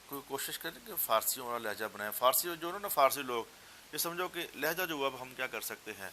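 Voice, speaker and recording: A male teacher with a Punjabi accent leads a class in a clear, bright voice. He explains step by step, repeats key words, and draws out lines of verse slowly. A faint hiss runs under the recording. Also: mid-range voice, animated. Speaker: teacher of a Persian text class. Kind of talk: classroom lesson. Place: classroom with students.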